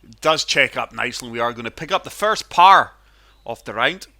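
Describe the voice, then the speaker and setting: Male gaming host, mid-pitched and bright, chesty and wheezy with a cold, casual golf play-by-play. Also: lively intonation, moderate pace. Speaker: gaming channel host and player. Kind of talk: casual golf game commentary.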